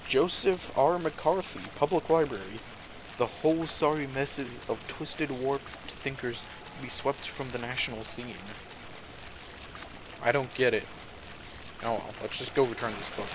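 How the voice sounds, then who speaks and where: A man's voice: medium pitch, measured pace, background noise. A man giving casual, profane and joking commentary while playing a video game, often chuckling to himself. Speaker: let's play commentator.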